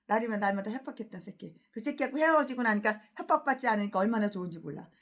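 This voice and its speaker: A woman pastor preaching an expository sermon in a blunt, colloquial way, jumping from loud emphatic outbursts to low asides. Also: lively intonation, fast talker. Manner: blunt and colloquial, laughs between points.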